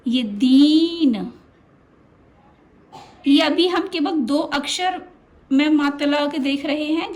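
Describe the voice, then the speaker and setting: A woman teaches a children's lesson in a high voice. She speaks slowly and patiently, stretching and repeating each sound so it sinks in.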